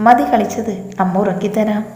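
A woman voicing a gentle young mother who speaks softly and soothingly. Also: mid-range voice, fairly even intonation, moderate pace, soft background music, close to an everyday voice. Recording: echoey room with long reverb.

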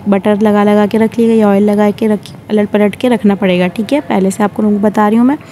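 In a recipe tutorial voice-over, a cooking channel host walks viewers through her home cooking chattily, regularly checking in with "theek hai." She speaks at medium pitch in a mellow voice, with a slight hiss or hum present.

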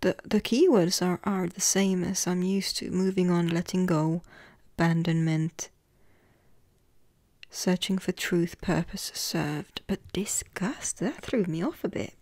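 A woman hosting a tarot deck flip-through at home, talking softly in a half-whisper and gushing over the cute cards. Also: lowish voice, steady tone, unhurried, no room sound, studio quality. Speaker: tarot channel host.

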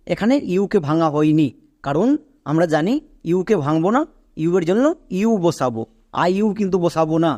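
High-voiced man teaching spelling. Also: expressive, normal speed, warm tone. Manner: patient, repeats each step, asks the viewer questions. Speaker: English teacher. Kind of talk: spelling and pronunciation lesson.

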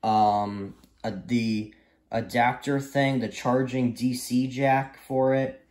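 A young American hobbyist video maker rambles hesitantly through an unscripted show-and-tell, repeating himself as he shows things to the camera. His mid-range voice is slow, fairly even and darkish, recorded on a handheld phone in a small, echoey room at home.

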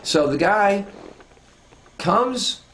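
A man's voice: high voice, expressive, drawn-out words, fairly bright tone, slight background noise. A man telling a long story in a casual, profane way, rambling with many restarts and asides.

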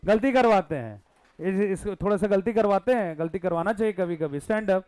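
Male teacher, live class, high smooth voice, dry close sound, unhurried questioning. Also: lively intonation, a little mellow, dry recording. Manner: coaxing, questions students, mixes Hindi and English.

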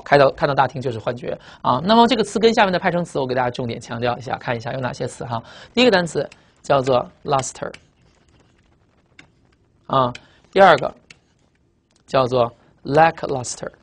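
A man teaching English vocabulary in Mandarin, repeating each word and explaining it with memory tricks and a steady stream of filler sounds. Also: medium pitch, a little fast. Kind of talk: recorded vocabulary lesson.

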